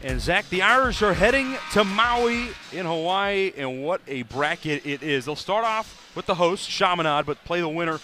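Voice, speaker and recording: A man doing live play-by-play for a college basketball game, brisk and rising sharply on big plays. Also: high voice, lively intonation, over music. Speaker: play-by-play announcer. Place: arena broadcast booth.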